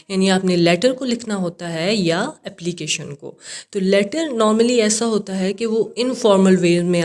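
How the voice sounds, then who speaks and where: A woman's voice: mid-range voice, darkish tone. A young woman English teacher with a Pakistani accent, walking students through an exam paper and checking in often to be sure they follow. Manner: mixes English terms into Urdu, frequent "theek hai" check-ins.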